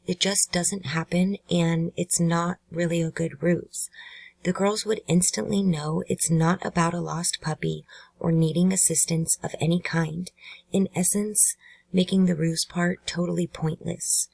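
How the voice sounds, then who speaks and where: Husky, creaky woman narrating true crime. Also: lowish voice, steady tone, a little slow, darkish tone, no room sound, low-quality recording. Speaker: true crime channel host. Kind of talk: scripted narration.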